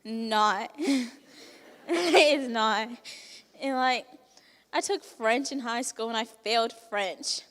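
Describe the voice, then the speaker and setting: A teenage girl who isn't a native English speaker gives a candid testimonial as a resident at a banquet, laughing often and acting out what people said. Her voice is a little high and a bit bright, and she speaks slowly with long pauses, a long reverb tail trailing her words.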